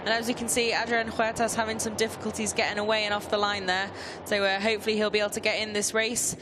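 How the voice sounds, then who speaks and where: Chatty female race co-commentator amid loud engines. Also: mid-range voice, level tone, quick pace. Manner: chatty, informal, loosely phrased. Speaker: motorsport co-commentator. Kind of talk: live race commentary, conversational analysis. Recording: very loud engine and trackside noise. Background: motorbike engines, outdoor race ambience.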